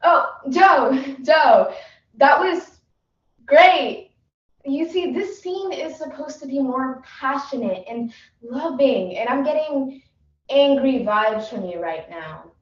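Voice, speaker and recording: Brief: impatient casting director, played by a woman, deliberate and dry, dull distant sound. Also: high voice, lively intonation. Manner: clipped, dry, quick instructions. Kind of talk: competitive humorous interpretation. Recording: echoey room, distant mic, dull sound.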